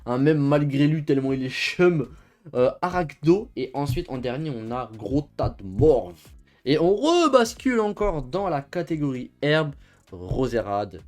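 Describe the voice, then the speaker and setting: Chatty young man, slangy and excited. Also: mid-range voice. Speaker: YouTuber. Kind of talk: casual show-and-tell. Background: faint background music.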